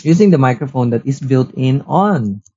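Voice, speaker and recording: Speaking through a headset's built-in mic, this Filipino-accented tech reviewer has a medium-pitched, slightly rough voice and an unhurried delivery, with lo-fi sound. He demos and reviews products casually in relaxed Taglish, leaning often on "uh" and "so."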